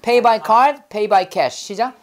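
A woman's voice: fairly high pitch, drawn-out words. A woman teaching English vocabulary in class, drilling students with call-and-repeat prompts and playful memory tricks.

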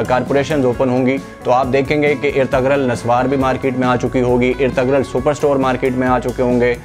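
A young Pakistani news channel presenter with a Pakistani Urdu accent and a medium-pitched voice delivers current-affairs commentary conversationally, using many fillers and addressing viewers directly. He stands in a studio before a green screen, wearing a clip-on lapel mic, with faint music in the background.

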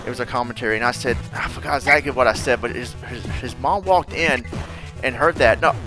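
A man hosting a casual interview, an animated storyteller who laughs often and acts out quotes. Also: mid-range voice, fairly quick, music in the background. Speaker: podcast host.

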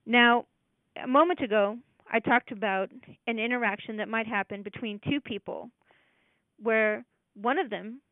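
In a casual talk, a woman with a slightly high voice explains ideas at a moderate pace, acting out what parents and children say. Her delivery is conversational with many fillers and restarts, and the audio comes across dry, tinny and free of room sound.

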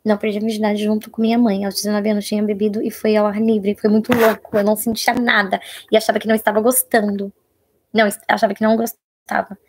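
A young Brazilian woman with a husky voice, hosting a casual live Q&A, chatting and reading viewer questions aloud, sometimes dropping to a hush. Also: medium pitch, level tone, fast talker. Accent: Brazilian Portuguese. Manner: chatty, reads viewer comments aloud, drops to a hushed voice for private topics. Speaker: live-stream host answering viewer questions.

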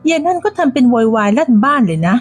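This is a bossy old village woman in her seventies or so, played by a woman reading the story. She speaks in a high, shrill, dismissive voice with a sly, teasing edge. Faint music plays beneath the storybook telling. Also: very animated, fast. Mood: whiny.

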